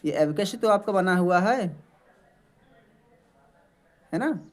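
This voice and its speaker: Patient teacher drilling word pronunciation. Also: male voice, high voice, lively intonation. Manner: asks questions and answers them himself, often adding a checking "okay"; repeats words slowly to model their pronunciation. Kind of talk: classroom-style lesson explaining English words in Hindi.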